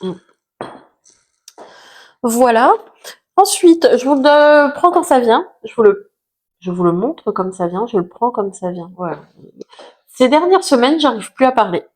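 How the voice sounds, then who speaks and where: Lady vlogging, rambly and jokey, a bit high-pitched. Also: big pitch swings, measured pace, long pauses. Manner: chatty and self-mocking, many fillers. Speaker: vlogger reviewing finished products. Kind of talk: casual chat to camera.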